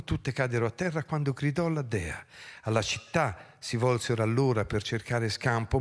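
Man, stage reader, expressive epic recitation, very lively pitch, theatre. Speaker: reader and storyteller. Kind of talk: epic reading and comic stage banter.

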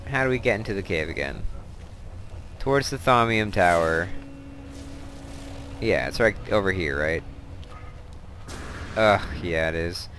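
Bright-toned man chatting over gameplay. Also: low voice, lively intonation, a little slow, pauses often, a little hiss or hum. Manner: chatty, thinking aloud, wandering asides. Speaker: let's play host. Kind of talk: casual gameplay commentary.

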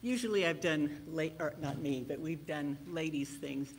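A woman's voice: deep voice, moderate pace, a little hiss or hum. A woman from the congregation giving a chatty announcement, bubbly and often correcting herself. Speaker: church member giving an announcement. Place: church sanctuary.

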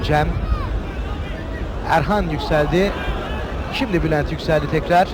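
A man's voice: on the high side, measured pace. A man calling a football match live, naming players in clipped bursts and lifting his voice on chances. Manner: clipped player-name calls rising on chances. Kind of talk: live play-by-play football commentary. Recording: noisy old TV broadcast with loud crowd. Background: loud stadium crowd.

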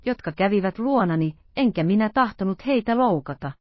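A woman reading the part of a boastful, loud-voiced male musketeer in an audiobook. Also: medium pitch, lively intonation, dry recording, dull audio, natural voice. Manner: loud, blustering.

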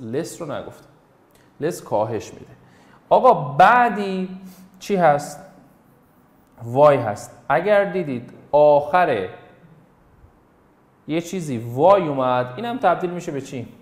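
A man's voice: on the high side, animated, darkish tone. Male teacher quizzing students, roomy sound. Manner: coaxing, quizzing students by name. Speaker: English teacher. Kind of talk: classroom English lesson in Persian. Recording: roomy echo.

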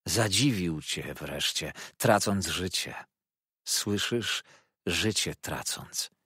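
A man's voice: sits low, takes it slowly, fairly bright tone, slightly rough, no echo, studio quality, full character voice. A man voicing a bitter, scarred woman who hurls furious accusations in an audiobook. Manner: accusing, declamatory outbursts.

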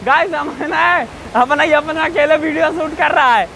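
A man with a strikingly high voice vlogs on a rocky hillside, talking straight to his viewers while he walks. He chats loosely and keeps warning about danger. A faint rush of falling water hisses behind him. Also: gravelly, sharp tone, poor audio. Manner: chatty, keeps addressing viewers, repeats safety warnings. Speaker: travel vlogger. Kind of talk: casual walking vlog. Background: faint rushing waterfall.

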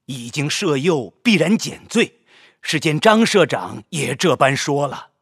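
An actor playing an earnest younger man, a dutiful son, husky and quick to grief and anger. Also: on the high side, lively intonation, fairly bright tone, no room sound, studio quality, full character voice. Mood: emotional. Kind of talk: audio drama acting.

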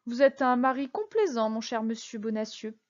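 A woman voicing a cunning, commanding old male cardinal who speaks in a measured, quietly menacing way in a storybook reading. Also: on the high side, expressive, dull audio, natural voice. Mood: stern.

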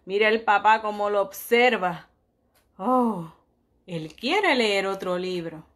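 A woman teacher reading a storybook aloud to young children, full of exclamations and questions to them, softening at bedtime. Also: mid-range voice, expressive. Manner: slow and soft at bedtime.

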